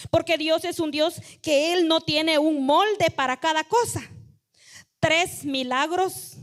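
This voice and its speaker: A woman pastor preaches in a high, light voice. She tells Bible stories in a storytelling way and acts out the voices of the people in them. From Guatemala. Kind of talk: sermon.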